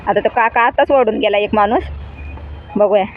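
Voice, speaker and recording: A woman chatting excitedly to her viewers in a casual vlog, filmed outdoors on a handheld phone. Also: medium pitch, normal speed, phone-quality sound. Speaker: vlogger. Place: outdoors by a road, in fields and at a temple. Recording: loud crowd and traffic noise outdoors. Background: loud crowd chatter and vehicle noise.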